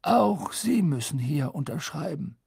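A man voicing a calm, amused old male headmaster. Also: a little high, unhurried, gravelly, husky, dry recording, studio quality, pitched above the performer's own voice, full character voice. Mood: polite. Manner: calm, chuckling.

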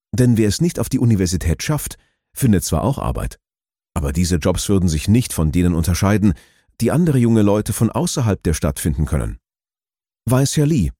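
Male narrator, lively pitch, warm and dry. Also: dry recording. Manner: measured, explanatory. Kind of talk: scripted documentary narration.

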